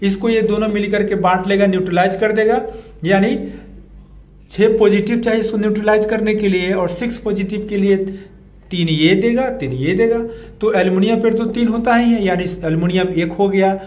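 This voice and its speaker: High-voiced man teaching chemistry, echoey room. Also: fairly even intonation, moderate pace, a little mellow. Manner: patient, repeats key terms and asks the class questions. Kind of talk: classroom lecture with memory tricks. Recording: echoey room with faint noise.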